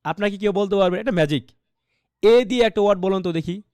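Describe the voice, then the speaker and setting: A man's voice: high voice, fast, a little mellow, clean tone, no room sound. Bangladeshi man teaching English pronunciation. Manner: explains in a mix of two languages, repeats phrases, asks students questions. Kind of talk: online class lecture.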